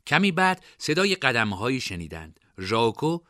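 A man narrating a scripted storybook in an expressive reading style. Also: medium pitch, dry recording, clean studio sound.

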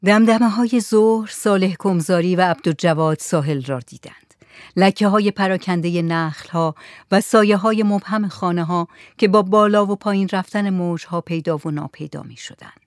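An audiobook narrator reads a story in a steady, measured way. The voice sits at a middle pitch and sounds close and dry, with no room echo. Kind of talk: scripted narration.

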